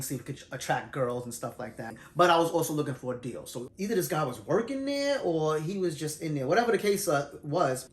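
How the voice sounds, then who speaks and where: A middle-aged man telling his singing story in a loose, animated, conversational way, teaching as he goes. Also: medium pitch. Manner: animated, self-described shy introvert, loose and conversational. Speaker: vlogger sharing singing tips. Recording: roomy echo.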